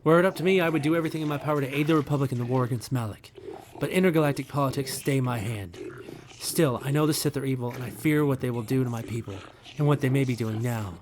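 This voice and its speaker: A man voicing a solemn, proud fish-like alien father from a space game in formal, measured phrases. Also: medium pitch, noisy background, natural voice. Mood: grave, formal.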